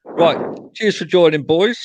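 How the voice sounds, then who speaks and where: A man's voice: fairly high pitch, unhurried, background noise. A young man hosting a casual fan chat after a match, reading out viewer comments and answering them. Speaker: fan show host.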